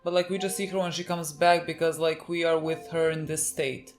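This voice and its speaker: A woman's voice: deep voice, fairly quick. Chatty woman thinking aloud. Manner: animated, thinking aloud, frequent "like". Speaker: reaction video host. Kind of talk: casual reaction chat.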